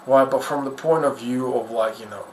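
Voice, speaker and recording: In an echoey room with faint background noise, a man from Ukraine hosts his YouTube channel, talking in a Ukrainian accent at a moderate pace. His medium-pitched voice keeps fairly even intonation while his unscripted commentary wanders casually, hesitant, blunt and self-deprecating.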